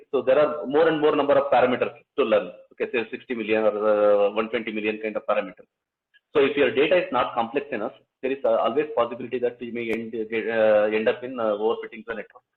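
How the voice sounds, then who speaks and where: A man with a South Indian accent giving a technical lecture, explaining step by step in a halting way with frequent filler tags. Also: medium pitch. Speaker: lecturer, research scientist. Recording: slightly dull, lo-fi lecture audio.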